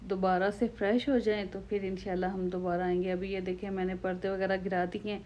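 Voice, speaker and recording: Hoarse Pakistani woman vlogging, flat delivery. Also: medium pitch, brisk, muffled recording. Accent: Pakistani Urdu. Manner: chatty, conversational, addresses viewers directly. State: sore throat, slightly hoarse. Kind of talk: casual travel vlog narration.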